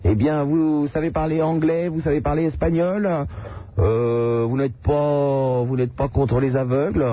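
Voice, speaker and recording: A man's voice: fairly high pitch, steady tone, measured pace, highs cut off. A male radio host bantering with callers on a late-night call-in show, teasing and provocative.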